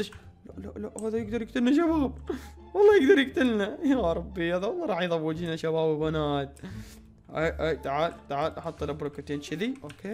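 A man with an Iraqi accent giving excitable let's-play commentary, exclaiming and repeating words as he plays. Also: high-pitched. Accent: Iraqi Arabic. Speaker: gaming channel host.

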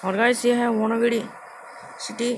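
Hosting a gameplay video, an Indian-accented man talks casually and live, repeating phrases and dropping in English words. His pitch is extremely high, his delivery monotone and a little slow. Ambient noise fills this amateur screen recording.

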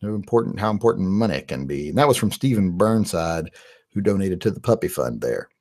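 This West Virginia man in his forties has a deep, slightly mellow voice that moves briskly with big swings in pitch. He's running a live-stream Q&A from his small home studio, rambling through viewer questions with plenty of "uh"s. A large studio mic on a boom picks him up, and he has headphones on.

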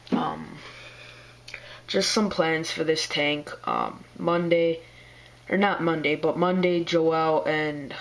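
Man with a sore, strained throat, slow and easygoing, talking loosely with plenty of fillers into a handheld camera. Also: fairly high pitch, creaky, fairly bright tone. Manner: laid-back, rambling, full of fillers and slang. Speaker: aquarium hobbyist vlogger. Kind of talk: casual video update.

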